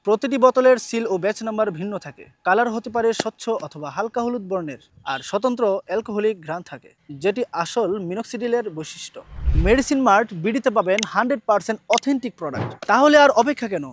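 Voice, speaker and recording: A man's voice: high voice, animated, fast talker. A man reading a scripted promotional voice-over in an upbeat, salesy manner. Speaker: advertisement voice-over.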